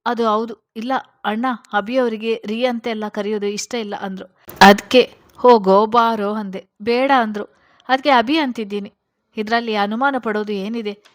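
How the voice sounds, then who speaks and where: A woman's voice: fairly high pitch, fairly even intonation, moderate pace, natural voice. A woman voicing a young woman, tearful and earnest, in a read-aloud storybook. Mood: explaining. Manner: pleading, emotional.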